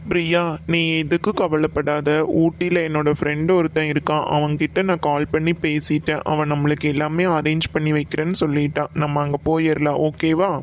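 A man voicing a flat-voiced young boyfriend. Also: fairly high pitch, brisk, hardly any pauses, a little hiss or hum, lightly acted. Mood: reassuring. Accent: Kongu Tamil (Coimbatore).

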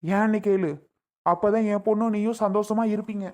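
A man's voice: high-pitched, fairly even intonation, a little fast, a little mellow, close to an everyday voice. A man playing an older father-in-law who coaxes and insists, repeating his pleas, in a family drama skit. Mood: pleading.

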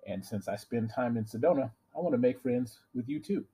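A middle-aged man, a fitness trainer and equipment dealer, giving an earnest, persuasive sales pitch straight to camera from a small home office. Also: expressive, fairly quick, mellow, husky. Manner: earnest, persuasive, emphatic on key words.

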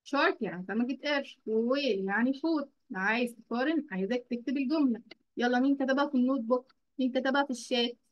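Egyptian woman, online children's teacher, a bit high voice, dull call mic, slow drawn-out words. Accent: Egyptian Arabic. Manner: praising pupils, drawing out English words slowly.

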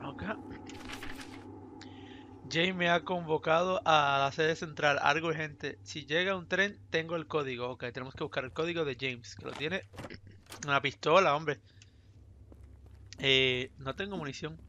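A man's voice: a little high, a little slow, pauses often, sharp tone, dull audio. A man from with a sore throat, chatting casually through a let's play and reading the game's text aloud. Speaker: gaming YouTuber.

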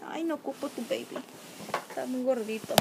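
High, sing-song young mother talking baby talk. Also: brisk, vocal fry, very noisy. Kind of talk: home video, talking to a toddler.

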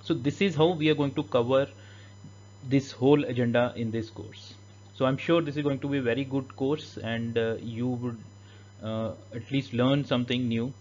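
A man's voice: medium pitch, fairly even intonation, moderate pace, a little mellow, highs cut off, a little hiss or hum. A man giving a voice-over overview of an online engineering course, listing topics steadily with frequent fillers.

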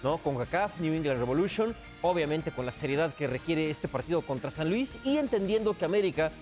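A man's voice: a little high, lively intonation, a little fast, darkish tone, faint music behind. A Mexican man co-hosting a sports show with casual, joking studio banter.

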